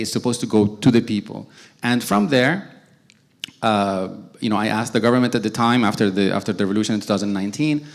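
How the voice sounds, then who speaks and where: A man's voice: mid-range voice, gravelly. A young man from Sudan, a cartoonist speaking as a guest on a forum panel, hesitant with many restarts. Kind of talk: panel discussion answer.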